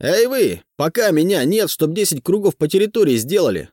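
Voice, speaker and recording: A man voicing an excitable, loud middle-aged male teacher in an audiobook. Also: on the high side, normal speed, dry recording, studio quality, pitched above the performer's own voice, heavily acted. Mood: excited.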